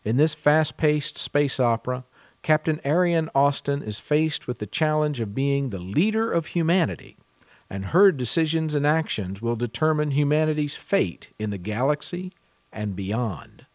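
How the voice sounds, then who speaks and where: Reading scripted intro and news segments before interviewing a guest, a man presents a book podcast as host and contributing editor. He has a fairly high, expressive voice at normal speed, with no echo.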